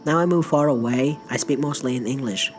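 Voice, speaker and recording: Speaking a little fast in a mid-range voice over soft background music, a narrator recounts a funny story from their own life, poking fun at themselves playfully. They live in Perth, Australia, work in healthcare and are a native Vietnamese speaker.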